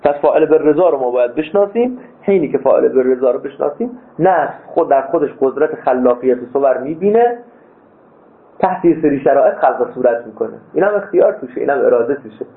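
A seminary lecturer, a man, teaches a philosophy class and stresses key points with sudden jumps in pitch. The recording sounds tinny, like a phone.

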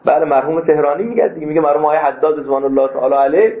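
A man teaching a philosophy class as a seminary lecturer, stressing key points with sudden leaps in pitch. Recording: tinny phone-like sound.

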